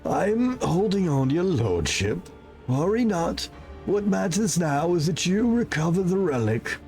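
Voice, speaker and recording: Hammy, theatrical, high-voiced loyal steward. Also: male voice, sing-song, unhurried, a little mellow, faint music behind, heavily acted. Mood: theatrical, languishing. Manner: hammy, theatrical stage-actor delivery. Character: ailing, fat, loyal male steward, super theatrical. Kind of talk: video game role-play read aloud.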